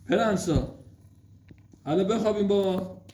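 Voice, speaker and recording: A man at home at night, gently and affectionately coaxing his small daughter to go to sleep. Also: sits high. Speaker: father putting his toddler to bed. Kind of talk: casual talk with a small child. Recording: roomy room with faint noise.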